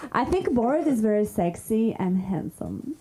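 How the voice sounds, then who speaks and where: A woman's voice: on the high side, warm tone, slight background noise, low-quality recording. A woman from Kazakhstan with a Kazakh accent performing stand-up in a comedy club, teasing the crowd.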